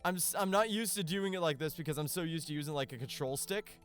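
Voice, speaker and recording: A man's voice: fairly high pitch, fast talker, fairly bright tone, faint music behind. A man casually commentating his own game playthrough, chatty and thinking aloud as he plays. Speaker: let's-play host.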